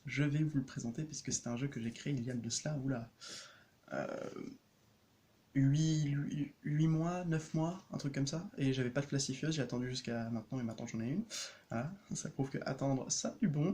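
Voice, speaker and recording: A man's voice: mid-range voice, brisk, dark tone. A man, an energy practitioner, casually explaining his homemade rune deck on a vlog, hesitant and full of fillers, often chuckling.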